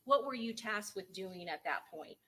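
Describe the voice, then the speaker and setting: A woman prosecutor questioning a witness in a courtroom recording, formal and measured with the odd um. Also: medium pitch, animated, pushed and bright. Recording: courtroom recording with faint room noise.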